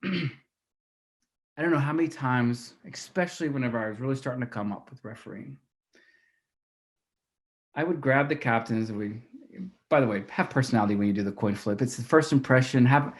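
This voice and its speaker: A man's voice: medium pitch, moderate pace, pauses often. A middle-aged man who referees gives a motivational talk, acting out what he tells captains and coaches. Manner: animated, acts out his own lines to captains and coaches. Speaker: referee speaker.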